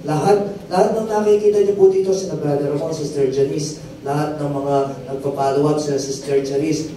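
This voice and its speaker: Mellow pastor preaching in an echoey hall. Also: male voice, on the high side. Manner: call-and-response, keeps asking the crowd for "amen"; storytelling testimony with rising emphatic peaks. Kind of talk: sermon. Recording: very echoey hall, mic far off, faint noise.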